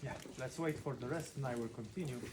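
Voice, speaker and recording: A man's voice: medium pitch, quick pace. A man who is a non-native English speaker, working as a cave tour guide and explaining things informally with dry joking asides. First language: not English. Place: inside a cave. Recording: noisy on-location recording with clicks.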